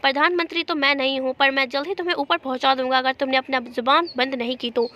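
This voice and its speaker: A hot-headed young mafia brother, put on by a woman reading the story aloud, loud and quick to threaten. He sounds high-pitched for a young man. The recording is dull and lo-fi. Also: steady tone. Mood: angry threatening.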